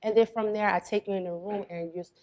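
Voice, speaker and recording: Young adult woman from Florida, interview guest, relaxed storyteller, mid-pitched voice. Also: a little fast. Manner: relaxed storytelling, quotes her mother. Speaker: spa owner, guest. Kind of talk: casual interview talk.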